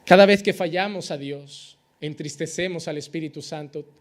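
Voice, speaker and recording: A man preaching a sermon as pastor, swinging between loud emphatic rises and quiet drops, with rhetorical questions and acted-out exchanges. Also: fairly high pitch, moderate pace.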